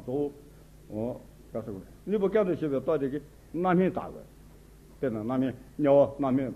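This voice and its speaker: A man, a Buddhist teacher, giving an informal spoken commentary on a religious text in short, conversational phrases. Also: mid-range voice. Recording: tinny phone-like sound with faint noise.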